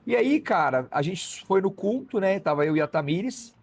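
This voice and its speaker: A man tells his story as a guest in a sit-down conversation. His voice sits a bit high and is husky, and he slips into the voices of the people he quotes, checking in often with his listener. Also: animated, normal speed, no room sound. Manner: storytelling, acts out quoted dialogue, frequent "né?" tags. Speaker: guest physician. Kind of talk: personal testimony in a conversation.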